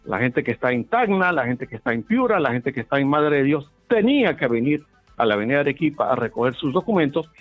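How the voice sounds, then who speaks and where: A man's voice: mid-range voice, big pitch swings, fast talker. Blunt Caribbean Spanish man, phone-like sound. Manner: blunt, plain-spoken. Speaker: debate panelist. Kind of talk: live broadcast political debate. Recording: thin phone-like sound, music behind.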